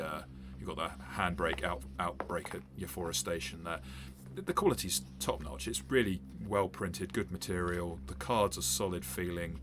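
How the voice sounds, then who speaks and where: With background noise behind him, a low-pitched man who runs tabletop games rambles casually while unboxing a game set. As a game master and reviewer, he fills his commentary with many fillers and restarts.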